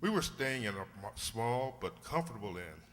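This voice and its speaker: A man acts a genial older English doctor in an old radio play. The voice swoops in lively, bright exclamations, hearty and avuncular, with long hall reverb around it. He is a sentimental storyteller at heart. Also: fairly low pitch, moderate pace, slight background noise. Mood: genial storytelling. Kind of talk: old-time radio drama acting.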